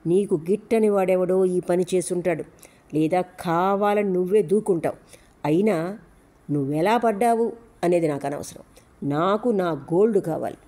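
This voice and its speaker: A woman's voice: on the low side, moderate pace, mellow, lightly acted. A woman voicing a menacing male gold smuggler who taunts and orders people around. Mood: taunting. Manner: taunting, commanding.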